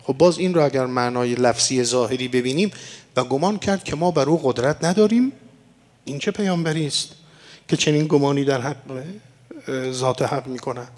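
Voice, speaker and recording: Male preacher at mid pitch, teaching line by line, voice trailing into a long hall reverb. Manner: expository, asks and answers rhetorical questions; recites Arabic verses slowly and deliberately. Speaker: religious lecturer. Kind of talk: evening sermon explaining Quran verses.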